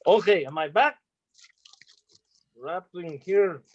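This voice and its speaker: A man's voice: high-pitched, takes it slowly. A man playing a boastful Russian bachelor rapper with a fake Russian accent and broken English, over lo-fi video call audio. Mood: bragging. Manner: broken-English bragging, flustered. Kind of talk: online improv comedy.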